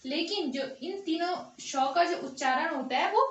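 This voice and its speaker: A woman's voice: very high-pitched, normal speed, recorded from a distance, slight background noise. A woman teacher giving a grammar lesson, explaining step by step and answering her own questions. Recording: echoey room, voice off-mic.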